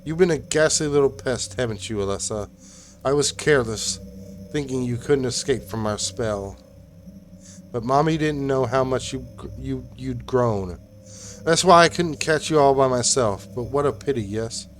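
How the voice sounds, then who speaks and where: A man reading the lines of a sinister, scheming older woman cult leader in a soft, mocking, slow way. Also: mid-range voice, faint music behind, close to an everyday voice.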